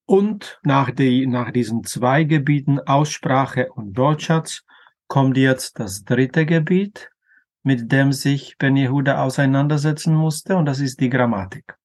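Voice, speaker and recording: A man explaining grammar in a careful lecture, pronouncing example words slowly and deliberately, with an occasional filler. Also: mid-range voice. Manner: slow, deliberate, careful pronunciation of Hebrew terms. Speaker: language teacher.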